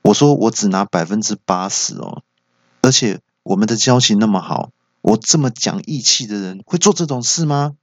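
A man voicing a sly, unflappable male freeloader who talks in a smooth, mock-earnest way. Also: on the low side, expressive, moderate pace, dry recording. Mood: smug.

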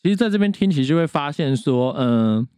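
A man co-hosting a podcast, explaining classical recordings in a relaxed, thinking-aloud way. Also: on the high side, a little fast. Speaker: podcast co-host. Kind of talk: casual chat on classical music.

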